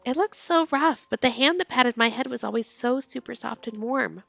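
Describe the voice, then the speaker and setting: A woman reading game text aloud with expressive narration and casual commentary, as a let's player. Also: a little high, normal speed, creaky, no room sound.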